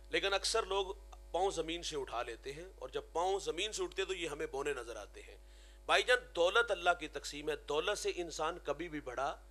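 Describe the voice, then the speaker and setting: A man's voice: a little high, sharp tone, husky. A man preaching a sermon, telling stories and reciting verse. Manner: storytelling with quoted Punjabi verse. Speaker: religious scholar.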